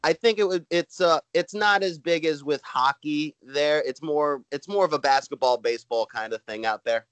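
A man from Brooklyn with a Brooklyn accent chats casually as a comedian being interviewed, rambling and halting, with "like" all through his talk. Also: a little high, fairly bright tone, smooth, dry recording. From Brooklyn, New York. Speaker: stand-up comedian, podcast guest. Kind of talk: casual chat.

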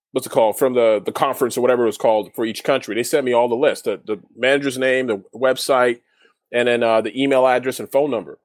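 A man's voice: medium pitch, no room sound, studio quality. A man, a guest in a casual interview, telling his story in a rambling way with many restarts. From Canada. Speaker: guest, former overseas basketball player.

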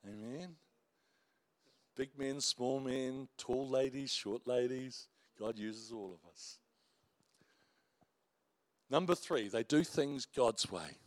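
The middle-aged preacher speaks slowly at a medium pitch, pausing often, with no room sound. His big voice carries an animated sermon built on stories, warm asides and self-mocking laughter.

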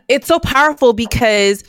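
A woman's voice: on the high side, measured pace, a bit bright, no echo. Encouraging woman host, dry sound. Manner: encouraging, frequent affirmations. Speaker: podcast host. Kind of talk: casual podcast interview.

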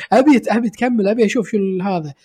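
A young man with a Kuwaiti Arabic accent chats on a podcast, retelling a story with joking asides. His voice is high, and he talks very fast. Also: dark tone, breathy edge. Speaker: podcast co-host. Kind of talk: casual chat.

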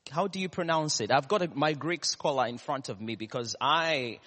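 A man with a Ugandan, East African accent preaching a sermon, putting questions to the congregation, pausing and repeating key words. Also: on the high side, a bit bright. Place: large reverberant room, live church service. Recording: echoey hall with long reverb.

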